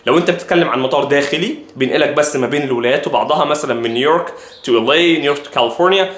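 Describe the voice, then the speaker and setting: Egyptian man teaching slow English. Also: fairly high pitch, fairly bright tone, echoey room. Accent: Egyptian Arabic. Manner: slow careful repetition of English phrases. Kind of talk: language lesson.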